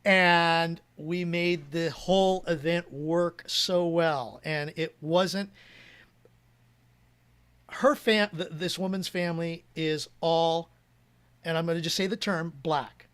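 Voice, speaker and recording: A man with a slightly raised pitch speaking as a podcast guest. He talks earnestly and at length, often restarting his sentences as he works through a thought. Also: steady tone, slow pace, fairly bright tone, clear, resonant tone. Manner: earnest and rambling, many restarts. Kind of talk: casual interview chat.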